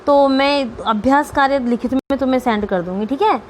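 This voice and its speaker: A woman's voice: high voice, normal speed, a little mellow, slight background noise. A woman teacher giving a Sanskrit grammar lesson to students, patient, repeating each term and checking that they understand.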